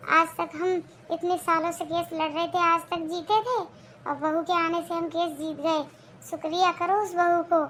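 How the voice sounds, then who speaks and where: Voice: very high-pitched, steady tone, normal speed, sharp tone, slight background noise. A performer voicing a grown son in a homemade cartoon, upbeat and reassuring. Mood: excited. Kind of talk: cartoon voice acting.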